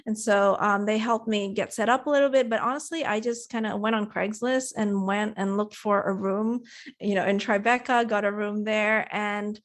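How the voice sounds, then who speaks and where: A woman's voice: medium pitch, steady tone, moderate pace. Chatty woman telling her story. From Indonesia and Australia. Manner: chatty, rambling storytelling with many fillers. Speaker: TV producer, interview guest. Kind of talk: casual interview.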